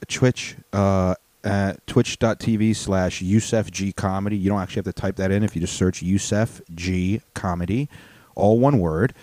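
Laid-back, profane American comedian. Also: male voice, sits low, warm tone. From United States. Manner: laid-back, loose and profane, with many fillers. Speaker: comedian and podcast host. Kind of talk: casual comedy talk.

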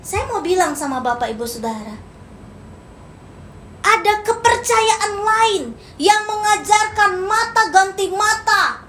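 High bright-voiced woman preacher. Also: expressive, slow, pauses often, reverberant, a little hiss or hum. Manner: playful, acts out quoted lines, teases the congregation. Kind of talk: sermon. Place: church hall.

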